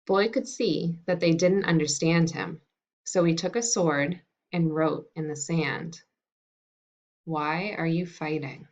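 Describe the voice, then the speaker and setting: A woman teacher talking to fifth graders and reading a picture book aloud in a friendly, unhurried way. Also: lowish voice, darkish tone. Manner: friendly and unhurried, with some fillers. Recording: dull lo-fi recording.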